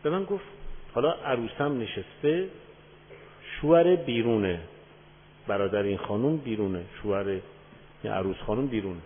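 A man's voice: lowish voice, animated, long pauses. A man who works as a marriage counselor gives a lecture on marriage, telling anecdotes and asking rhetorical questions. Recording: echoey hall over tinny phone-like audio.

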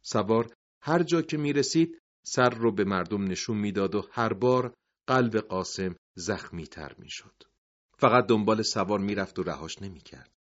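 Low-voiced male storyteller with dramatic swings. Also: lively intonation. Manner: dropping to hushed tones at sentence ends. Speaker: narrator. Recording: dull lo-fi recording.

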